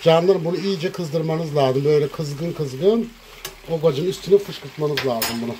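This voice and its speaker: A man recording a cooking vlog in his home kitchen, talking dramatically to viewers and breaking into loud, theatrical insults. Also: on the high side, unhurried, background noise. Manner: dramatic, shouts insults, addresses viewers as "canlarım". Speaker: cooking vlogger.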